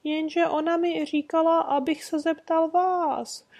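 A woman's voice: very high-pitched, fairly even intonation, darkish tone, voice pushed up. A woman reading an audiobook, voicing a timid, frightened little rat-faced man who pleads in a trembling voice.

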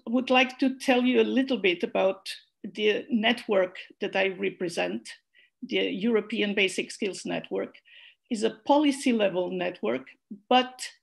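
A woman with a medium-pitched voice and vocal fry, whose first language is Catalan, gives a hesitant conference presentation over a video call, full of fillers and restarts. She is a conference speaker and a network's secretary general.

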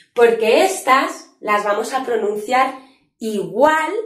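Lively woman teaching slowly. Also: fairly high pitch, roomy sound. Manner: lively, clear and patient, drawing out letter sounds to show them. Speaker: English teacher. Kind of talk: spoken lesson for Spanish speakers.

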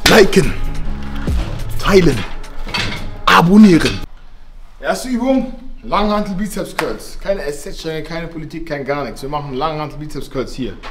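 A man's voice: a little high, lively intonation, a little slow, pauses often. Pumped-up young man hyping a gym workout. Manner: loud, joking, pumped-up coaching. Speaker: fitness vlogger. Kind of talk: hyped workout vlog talk. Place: large indoor gym. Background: faint music.

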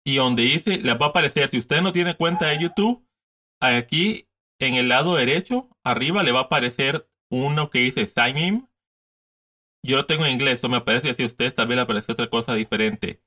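With a sharp, mid-range voice and a slightly fast delivery, a man in his thirties runs a casual desk-based screen tutorial, repeating each step and mixing in English terms.

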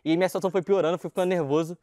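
Casting: young Rio man, high voice, quick slangy storyteller, laughs through his lines, dry close sound. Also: no echo. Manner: animated slangy storytelling, laughing while talking. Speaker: guest storyteller. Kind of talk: casual anecdote on a talk show.

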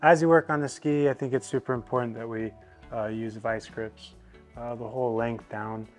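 Young man, casual how-to host, relaxed explainer, garage setting, faint music behind. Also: mid-range voice, moderate pace. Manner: relaxed, explanatory, many fillers. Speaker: product installer. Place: indoor garage.

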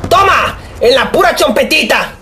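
A young man with a Mexican accent giving live gameplay commentary, swearing, joking in rambling asides and yelling at opponents. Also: very high voice, moderate pace, a little hiss or hum. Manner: profane, excitable, yells at opponents. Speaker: gaming YouTuber.

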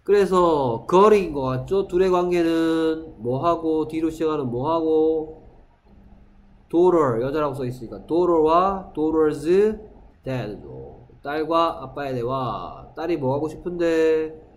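Slow-paced male English teacher. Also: fairly high pitch, animated, slight background noise, poor audio. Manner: drills phrases slowly, acts out loud quarrels with students. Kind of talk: classroom lecture.

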